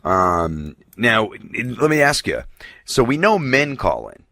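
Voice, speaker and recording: Raspy-voiced man hosting a radio show. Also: on the low side, very animated, takes it slowly, pushed and bright, no echo, studio quality. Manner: loose, joking, crude banter. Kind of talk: casual radio interview.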